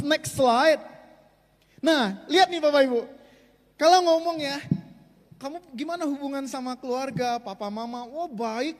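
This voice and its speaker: A man preaching a sermon, telling a story and often speaking straight to the congregation, getting them to answer back. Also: very high voice. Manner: leads the congregation in call-and-response. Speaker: pastor. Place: church hall. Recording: long hall reverb.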